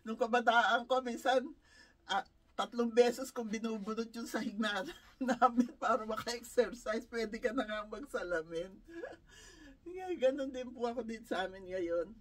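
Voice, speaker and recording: A woman's voice: fairly high pitch, measured pace, recorded from a distance. A woman from the Philippines speaks to her followers from a small home setup. Her talk is casual and heartfelt, broken often by laughter, and sometimes slips into short prayers. Her voice sits a bit off-mic. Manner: laughs often between phrases, emotional. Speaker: vlogger. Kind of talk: casual chatty vlog with spoken prayers.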